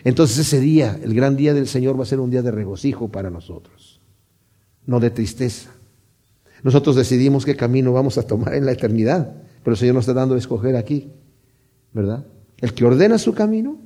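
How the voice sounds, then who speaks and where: A man's voice: medium pitch, expressive, a little fast, warm tone. A man preaching a sermon on the Psalms, impassioned and emphatic, often repeating his key words as he addresses his congregation.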